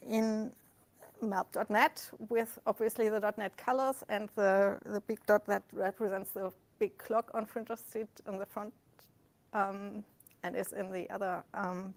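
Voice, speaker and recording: A woman's voice: medium pitch, vocal fry. A woman hosting a meetup, speaking informally in front of an audience as she welcomes people and makes announcements. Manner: addressing an audience in a room. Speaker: meetup organizer and host. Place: meetup room with live audience and online stream.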